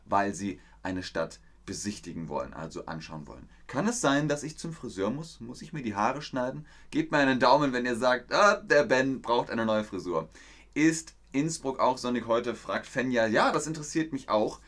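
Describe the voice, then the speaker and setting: A man teaching a livestreamed German lesson, explaining words slowly and reading out viewer comments. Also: mid-range voice, animated, a bit bright.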